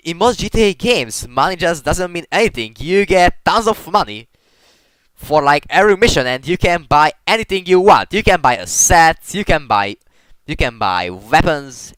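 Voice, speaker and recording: A man's voice: on the high side, a bit bright, clear, resonant tone, no room sound. A man giving casual commentary while playing a game. He rambles, stumbles over his words and restarts sentences often. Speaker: gaming commentator.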